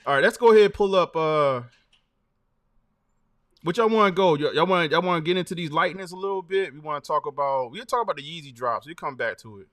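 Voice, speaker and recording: A man hosting a casual show, talking in relaxed slang and laughing often. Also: on the high side, fast talker, dry recording, studio quality. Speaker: host. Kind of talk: casual sneaker-news chat.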